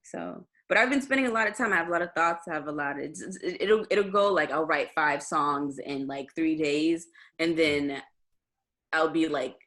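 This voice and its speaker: A woman's voice: low voice, moderate pace, fairly bright tone. A young adult woman, a musician guest on a video call, chatting casually with lots of fillers and restarts. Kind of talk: casual interview chat.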